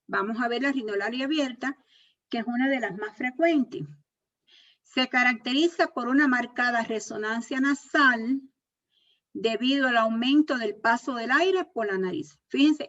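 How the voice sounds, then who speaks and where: This female teacher, whose fairly high voice has a bit of brightness, lectures university students on speech disorders. Working through the topic methodically, she restates important points and stops to check on the class, though the lo-fi audio sounds dull.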